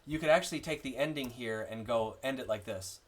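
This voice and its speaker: A man's voice: mid-range voice, fairly quick. A man explaining how to chant readings, talking with many fillers and restarts while walking through his marked-up text. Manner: breaks into sung chant examples. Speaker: church music instructor. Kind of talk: screen-share chant tutorial.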